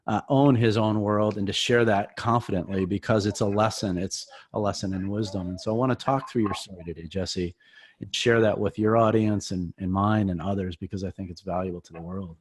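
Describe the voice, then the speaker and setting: A man interviewing his former student, talking in an upbeat, encouraging way. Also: lowish voice. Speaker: mentor and interviewer. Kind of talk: enthusiastic interview.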